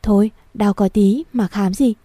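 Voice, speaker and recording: A woman voicing a young husband who speaks gently and calmly to reassure his wife. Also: mid-range voice, unhurried, dry recording, close to an everyday voice. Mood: soothing.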